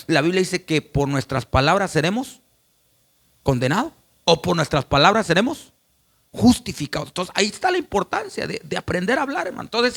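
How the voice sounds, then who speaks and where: A man's voice: a little high, gravelly, a bit bright. A man preaching a sermon as a pastor, with emphatic repetition and constant direct appeals to the congregation.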